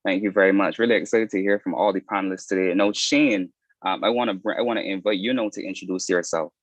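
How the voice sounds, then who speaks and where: A man's voice: sits low, fairly even intonation, fast, dry recording. A man moderating a panel discussion, introducing and inviting speakers. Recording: dull, lo-fi online call sound.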